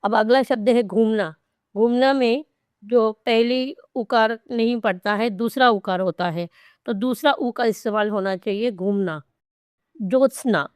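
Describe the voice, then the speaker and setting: Woman, teacher, spelling lesson, careful explanations, slightly high voice, dry close sound. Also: a little mellow, smooth, no echo. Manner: slow, careful spelling out of word parts. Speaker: Hindi teacher.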